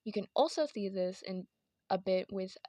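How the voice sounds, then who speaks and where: A woman's voice: mid-range voice, lively intonation, moderate pace, dark tone, no room sound, dull audio. A woman with a lisp and whistling s, narrating an informal, partly scripted video essay into a headphone mic. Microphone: headset microphone from headphones.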